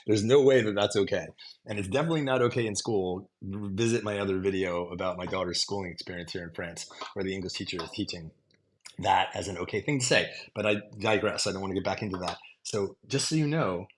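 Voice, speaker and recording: A man's voice: low-pitched, brisk. A man casually explaining English phrases to learners, often checking in with "okay?". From United States. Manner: emphatic, repeats "okay?" to check in. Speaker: English teacher content creator. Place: home in France.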